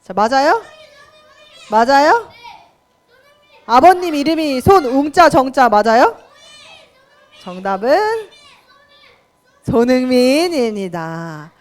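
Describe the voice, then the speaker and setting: A woman's voice: high-pitched, sing-song, slow pace, pauses often. A young woman preacher giving a children's sermon in a church, talking to the kids with questions and quizzes. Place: church children's worship room.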